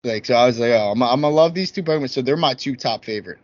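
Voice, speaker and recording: A man's voice: medium pitch, racing, dry recording. A man in his thirties chatting casually as a podcast guest, with a slangy frat-bro way of talking. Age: 30s. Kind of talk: casual chat about video games. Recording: dull, lo-fi audio.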